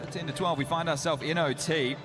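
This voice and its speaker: A man doing esports caster commentary, analysing tactics in measured phrases. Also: a little high, steady tone, music in the background.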